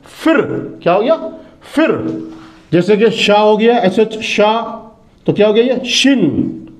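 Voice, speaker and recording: A man teaches English sounds in a fairly high voice. He sounds out each example word slowly and asks questions that he answers himself. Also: expressive. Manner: repeats words slowly, asks and answers his own questions. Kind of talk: phonics lesson.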